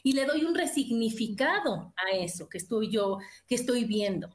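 A woman's voice: fairly high pitch, animated, normal speed, echoey room. A Mexican woman speaking in a casual motivational talk and acting out quoted voices with animation. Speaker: guest speaker.

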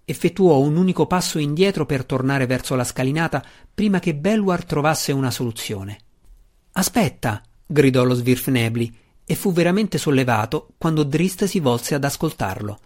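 A man reading a fantasy novel aloud as an audiobook narrator, in a steady, measured way. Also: on the high side.

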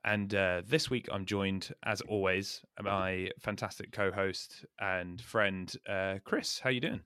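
A man with a hoarse, croaky voice, worn from a recent illness, hosting a casual podcast in a hesitant, conversational way. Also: low voice, steady tone, measured pace, fairly bright tone, no echo, studio quality. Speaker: podcast host.

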